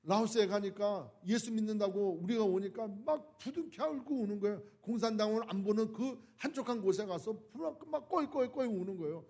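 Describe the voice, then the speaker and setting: A man with a fairly high voice preaches a sermon in a church. He presses his listeners with question after question, swelling to forceful appeals, then falls back to a near murmur. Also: fairly quick, hardly any pauses. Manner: impassioned, rhetorical questions, swings from loud to hushed. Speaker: pastor. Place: church sanctuary.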